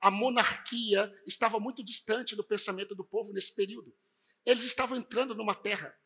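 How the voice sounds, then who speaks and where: A man's voice: high-pitched, steady tone, fairly quick, bright, forceful tone, husky. A man preaching a sermon as a pastor, emphatic, with a constantly shifting intonation. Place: church.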